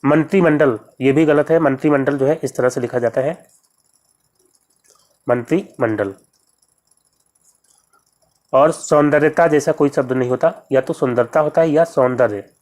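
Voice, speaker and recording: A patient teacher talks through a set of practice questions, voice sitting at an ordinary middle pitch. Each question and its choices are read out, then the correct answer is explained step by step, with key terms repeated slowly. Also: darkish tone. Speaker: exam-prep teacher. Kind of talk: exam-prep lesson.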